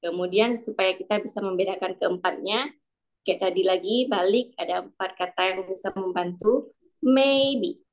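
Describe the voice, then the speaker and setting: A woman teaching a class, patient and repeating each example slowly. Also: mid-range voice, steady tone. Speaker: language teacher. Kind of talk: online class instruction.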